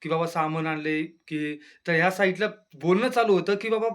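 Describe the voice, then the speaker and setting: A man chats through a review of a reality show on his channel, speaking at normal speed in a fairly bright tone. The monologue is casual and solo, full of exclamations, and he lowers his voice to impersonate the housemates.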